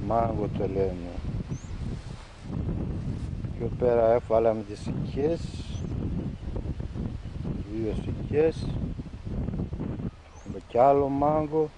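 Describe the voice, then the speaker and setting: A man outdoors in a garden, filming on a handheld camera, calling and coaxing a pet in a raised voice, then quietly showing the garden. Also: mid-range voice, pauses often, dull audio, noisy background. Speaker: pet owner filming his dog and garden. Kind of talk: casual home video commentary.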